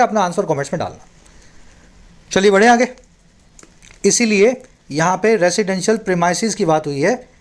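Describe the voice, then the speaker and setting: Guy with a high voice, explains in hindi and reads lines slowly. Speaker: English tutor. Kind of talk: bilingual newspaper reading lesson.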